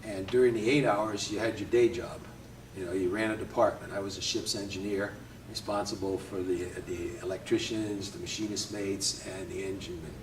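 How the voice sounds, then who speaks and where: An older man from Connecticut, a Navy veteran, reminisces in an easygoing interview, often chuckling and pausing with hesitations. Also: sits low, fairly even intonation, noisy background. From Connecticut, USA. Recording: roomy, distant from mic, faint ambience.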